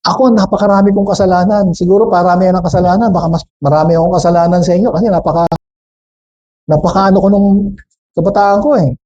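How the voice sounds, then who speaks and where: A man's voice: high voice, fairly even intonation, fast talker, dark tone, muffled recording. A man with a Filipino accent preaching a sermon, switching between Tagalog and English, questioning and joking with the congregation. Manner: jokes with the congregation.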